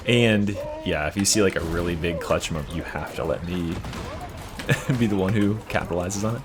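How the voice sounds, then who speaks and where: Over music, a young game build guide maker walks through a build in a relaxed, profane manner full of filler words. His deep voice moves fairly quickly.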